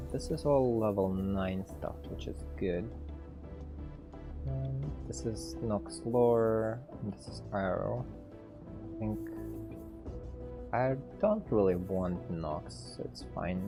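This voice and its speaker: Male dev host, low voice, casual stream commentary, hesitant and chatty, quiet music behind. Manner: thinking aloud, hesitant with fillers, reads game text. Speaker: game developer streaming gameplay. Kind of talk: casual livestream gameplay commentary.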